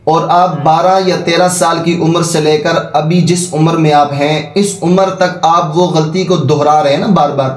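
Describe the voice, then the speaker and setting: A man teaching Quran recitation online, patient and reassuring, leading slow chanted recitation for his student to repeat. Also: fairly high pitch, steady tone. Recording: echoey call audio.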